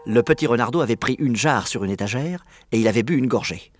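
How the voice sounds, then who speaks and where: A man narrating a children's story aloud in a clear, measured way. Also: medium pitch, animated, faint music behind. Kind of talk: audiobook narration.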